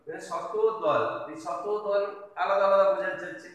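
A man's voice: high voice, steady tone, normal speed, fairly bright tone. A man teaching a kindergarten video lesson, patiently spelling out letters and words one by one. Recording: echoey room from a distance.

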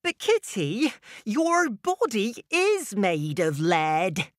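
A sunny robot unicorn girl from a children's storybook, bright and encouraging, as a woman narrator puts her on. Her voice sits noticeably higher than plain talk and swings up and down with lively pitch. The sound is close and dry. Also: very slow, no echo. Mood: cheery. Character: cheerful female robot unicorn racer.

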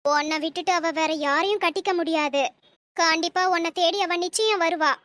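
A woman's voice: extremely high pitch, normal speed, a bit bright, dry recording. A woman voicing a stern, possessive middle-aged mother in a storybook drama, scolding and coddling her son. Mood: soothing. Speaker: mother of the young man.

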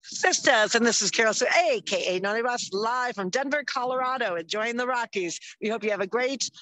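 A woman's voice: a little high, a little fast, fairly bright tone, rough recording. A woman co-hosting a casual podcast chat, upbeat and chatty, often losing her train of thought. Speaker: co-host. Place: outdoors in the mountains.

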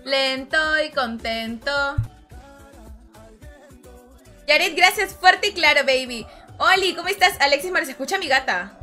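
Bright high-voiced streamer woman. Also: animated, fairly quick, soft background music. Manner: chatty, teasing, calls viewers "hermano". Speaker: gaming livestreamer. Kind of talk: casual live-stream chat with viewers. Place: home room with her cat nearby.

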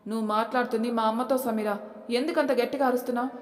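A woman's voice: fairly high pitch, fairly even intonation, rapid-fire, close to an everyday voice. A woman voicing a pregnant adult daughter, touchy and proud, in a family audio story, with a plaintive, defensive manner. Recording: echoey reverberant room.

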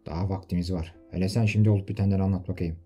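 A man voicing a gruff old veteran soldier who talks to his son sternly. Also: low-pitched, steady tone, racing, mellow, soft background music. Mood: commanding. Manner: stern, scolding.

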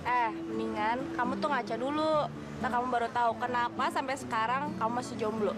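A woman's voice: on the high side, brisk, music in the background, natural voice. An actress playing a picky young woman who trades playful jabs with a friend. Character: choosy young woman being set up.

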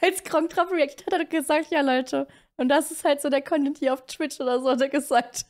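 Excitable woman streamer with a strikingly high voice, slangy reaction commentary. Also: brisk.

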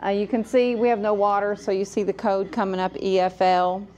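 Filmed in one of her own laundromats, this woman talks to the camera in a chatty vlog, explaining things one step at a time. Her medium-pitched voice is brisk, a little mellow and fairly flat in pitch, and the audio is lo-fi.

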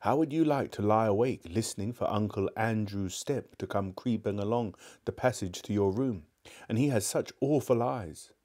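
A young storybook schoolboy, unhappy and defiant, acted out by a man reading aloud. He blurts his words in a wound-up way, with a mellow tone underneath. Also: lowish voice, moderate pace, natural voice. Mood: uneasy.

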